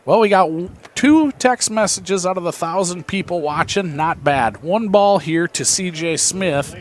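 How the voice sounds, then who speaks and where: A man with an American Midwest accent calling a local baseball game play-by-play, chatty and reading viewer texts between pitches. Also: unhurried. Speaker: play-by-play announcer.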